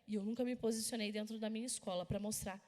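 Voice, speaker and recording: A Brazilian woman preaching a sermon in an animated storytelling manner, with sudden loud bursts. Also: medium pitch, quick pace, in a large hall. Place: church hall.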